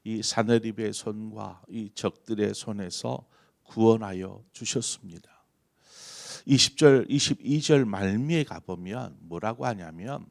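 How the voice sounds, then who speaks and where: A man's voice: lowish voice, vocal fry. A middle-aged man, a pastor, preaching an early-morning prayer sermon with earnest emphasis. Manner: earnest preaching, rising emphasis on key phrases.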